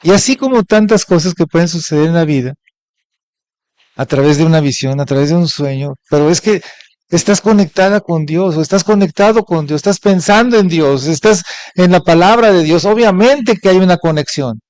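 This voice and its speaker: A man's voice: fairly high pitch, moderate pace, a little mellow, no room sound, rough recording. A middle-aged Mexican man preaching a Sunday sermon as pastor, often asking his congregation questions. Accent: Mexican Spanish. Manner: asks the congregation frequent rhetorical questions.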